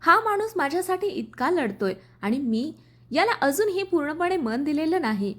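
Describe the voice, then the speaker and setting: A woman's voice: high voice, big pitch swings, normal speed, fairly bright tone. A woman voicing a hurt, shy young wife in a storybook reading, speaking tearfully and hesitantly. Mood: shy, tender.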